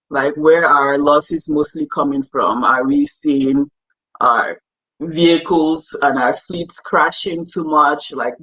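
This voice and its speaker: A woman's voice: low-pitched, a bit bright, slightly rough, muffled recording. A young woman from Cameroon, a guest in a casual interview, talking in a chatty, self-deprecating way and laughing easily. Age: young adult.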